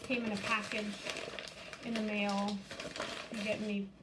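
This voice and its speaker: At a library storytime, a woman reads a picture book aloud and demonstrates a craft, explaining things in simple words for children. Her mid-range voice barely moves in pitch, and she speaks a little slowly over a noisy background.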